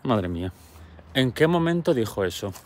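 A man's voice: mid-range voice, big pitch swings, normal speed, a little hiss or hum. A man telling a Greek myth in a chatty, slangy, playfully dramatic way. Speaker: storyteller. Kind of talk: comic myth storytelling.

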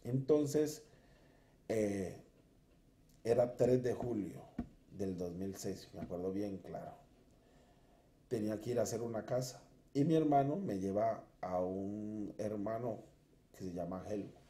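A man's voice: lowish voice, a little slow, pauses often, dark tone, roomy sound, a little hiss or hum. A man sharing his personal conversion testimony in a church interview, telling it earnestly and acting out his past self.

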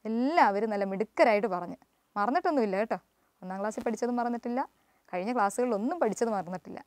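A woman's voice: high-pitched, no room sound. A woman from Kerala teaching children the catechism, coaxing answers with repeated questions and replying to them herself. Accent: Kerala Malayalam. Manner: coaxing, asks and answers her own questions.

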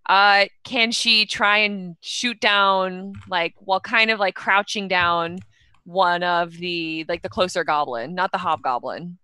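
A woman's voice: on the low side, slow pace, pushed and bright, smooth, dry recording. A young woman playing a tabletop game, casually narrating what her character does over a close microphone.

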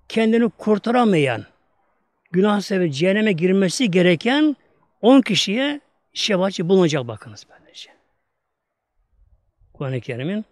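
A man's voice: sits high, darkish tone, no room sound. A man with a Turkish accent preaching, telling a story in an emphatic, repetitive way. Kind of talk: storytelling religious talk.

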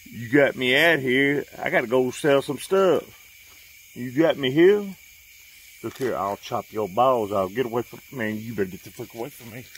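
A man voicing a brash, threatening male street hustler in a gruff, swaggering way. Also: medium pitch, normal speed, fairly bright tone, a little hiss or hum, natural voice, poor audio. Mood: menacing.

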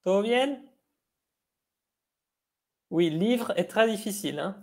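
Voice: mid-range voice, expressive, takes it slowly. A French teacher giving an online language lesson over a video call, spelling words letter by letter and switching between Spanish explanations and French examples.

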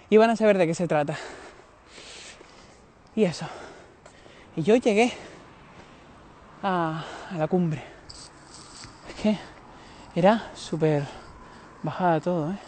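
A man's voice: sits high, darkish tone. A man from Tenerife, chatting on a live stream outdoors, confiding and laughing often as he talks to his viewers. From Tenerife, Canary Islands. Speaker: singer hosting a live stream. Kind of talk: casual live-stream chat. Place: outdoors near a road, moving about.

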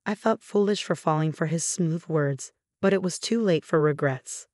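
A woman narrating a scripted first-person revenge story in an even, measured reading voice. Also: deep voice, dry recording, clean studio sound.

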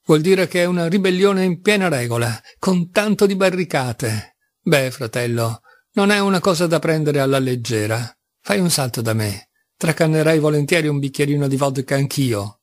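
A man's voice: a little high, expressive, moderate pace, no echo, clean studio sound, lightly acted. A man reading as a sarcastic young seminarian. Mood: teasing. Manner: teasing, sarcastic, by turns astonished. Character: mocking young male seminarian, ironic and pushy. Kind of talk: audiobook reading of a classic novel.

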